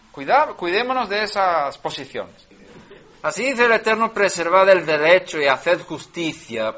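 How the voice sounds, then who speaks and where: A man gives a verse-by-verse Bible lesson in a slightly high voice, his pitch and volume climbing whenever he presses a point. He often restarts words mid-phrase. The recording sounds dull and lo-fi. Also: sharp tone. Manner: rises in pitch and volume when stressing a verse. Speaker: Bible teacher.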